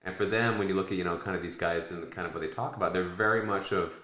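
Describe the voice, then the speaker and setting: A man's voice: low voice, quick pace, bright, forceful tone, reverberant. An American man co-hosting a casual podcast, rambling and correcting himself with lots of fillers. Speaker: podcast co-host.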